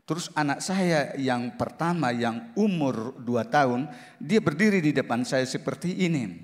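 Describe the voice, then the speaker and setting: A middle-aged man, a pastor, telling a personal testimony in a sermon, moving between hushed and loud passages. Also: mid-range voice, expressive, unhurried. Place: church service hall. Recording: long hall reverb.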